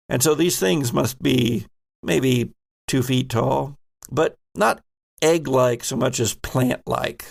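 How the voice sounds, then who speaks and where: Narrating as game master, a man describes a horror sci-fi tabletop scene, pausing deliberately in a halting way. His pitch is medium, with audible vocal fry.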